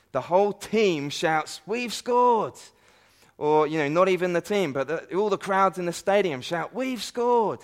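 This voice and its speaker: A man preaching a sermon at a conference, earnest and emphatic, with light self-deprecating asides. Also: fairly high pitch. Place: conference meeting hall.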